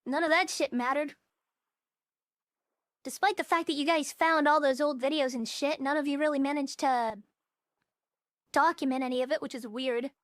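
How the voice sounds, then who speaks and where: A woman's voice: sits high, steady tone, normal speed, long pauses, dry recording, studio quality. A young woman streaming live, talking casually in a blunt, profane, scattered way through a voice changer set to a more natural tone. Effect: voice changer turned down to a more natural tone. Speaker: VTuber streamer. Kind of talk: casual livestream chat.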